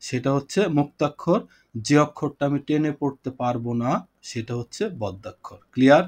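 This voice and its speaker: A man with a medium-pitched, darkish voice lectures a poetry class by video call at a fairly quick pace. He repeats points with patience and keeps questioning his students.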